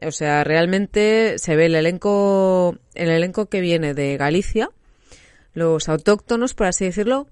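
A woman chatting casually as a podcast co-host, talkative and quick to laugh, with lots of fillers. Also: on the low side, darkish tone, clean tone, no echo, clean studio sound. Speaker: podcast co-host reviewing a series. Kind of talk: casual chat.

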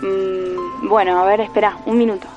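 An actress playing a guarded grown daughter who talks evasively and hesitantly, heard over a landline phone. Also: female voice, mid-range voice, little pitch movement, normal speed, music in the background. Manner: evasive, hesitant, full of fillers. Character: guarded adult daughter shielding her father. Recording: dull muffled phone line.

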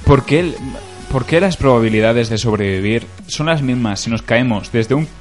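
A man's voice: medium pitch, moderate pace, faint music behind. A man hosting a casual podcast, laughing and steering the chat, often repeating himself. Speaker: podcast host.

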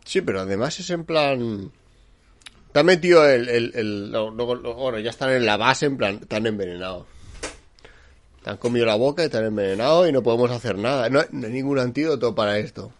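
A man from chatting casually about a film, animated and acting out scenes with laughs. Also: mid-range voice, a little fast. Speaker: podcast co-host.

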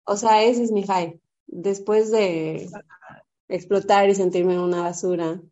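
A woman in her thirties with a Mexican accent, telling a parenting story in a casual chat and acting out quotes in a higher voice. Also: slow, lo-fi sound. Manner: animated, acts out quotes in a high voice, swears freely.

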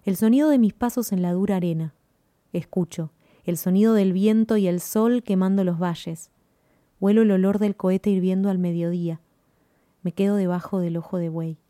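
A woman narrates a first-person story in a calm, measured, lyrical reading. Her voice has a mellow, warm tone at a middle pitch. The recording is dry and close with no room sound. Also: no echo.

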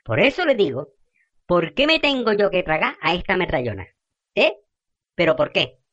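A woman's voice: on the low side, sing-song, normal speed, highs cut off. A woman playing a fiery, foul-mouthed middle-aged gossip who rants indignantly in rural slang. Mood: ranting.

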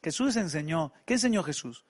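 High-voiced pastor preaching. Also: male voice, brisk. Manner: animated, colloquial storytelling with asides. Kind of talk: sermon.

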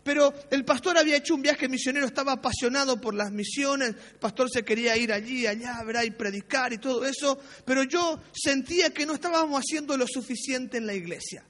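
Very high-voiced man preaching in a reverberant hall. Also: brisk, hardly any pauses, a bit bright. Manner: anecdotal, self-mocking, frequent tag questions. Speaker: pastor. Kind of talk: sermon with personal storytelling. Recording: long reverb of a church hall.

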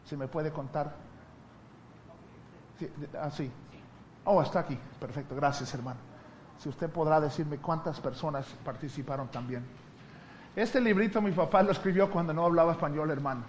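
A male preacher with a fairly high voice delivers a sermon. He tells stories in an animated way and laughs often. A faint hiss runs underneath.

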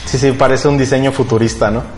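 A young man with a Mexican accent, explaining tech news as a co-host in a casual chat, hesitant and often pausing mid-phrase. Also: mid-range voice, steady tone, a little mellow. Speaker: podcast co-host. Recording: roomy echo, background music.

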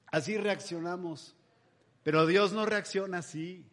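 A man's voice: sits high, a little slow, a bit bright. A man preaching a sermon in a chatty, humorous storytelling style. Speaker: pastor.

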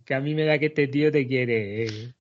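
A man's voice: mid-range voice, moderate pace. Joking man in casual chat. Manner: jokey, acts out imagined dialogue. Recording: slightly dull audio.

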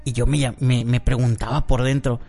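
A man's voice: mid-range voice, flat delivery, normal speed, mellow. A man hosting a casual discussion, talking chattily with many fillers. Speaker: host. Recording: faint music behind.

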